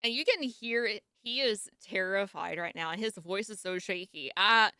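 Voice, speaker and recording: A woman giving casual, animated reaction commentary with joking, slangy remarks. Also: medium pitch, normal speed, smooth, no room sound, studio quality. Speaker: reaction video host.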